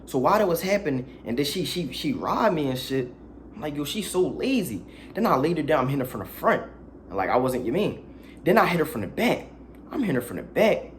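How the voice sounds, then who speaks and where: A man's voice: a little high, sing-song, fairly quick, a little hiss or hum. A young man telling a crude, slangy story in a casual storytime vlog, with dramatic asides.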